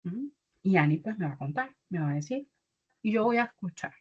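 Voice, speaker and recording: A woman's voice: mid-range voice, a little fast, husky. A young adult woman, giving an online mentoring talk as a career mentor and acting out little dialogues. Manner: animated, acts out little dialogues. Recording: dull lo-fi audio.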